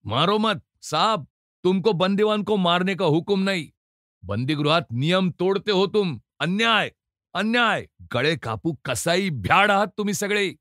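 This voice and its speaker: A man's voice: sits high, animated, a little slow, a bit bright, no echo, clean studio sound, voice pushed up, heavily acted. A man doing a jeering, vengeful convict. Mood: protesting. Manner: taunting, jeering, crude. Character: vengeful, foul-mouthed male convict, cunning and defiant.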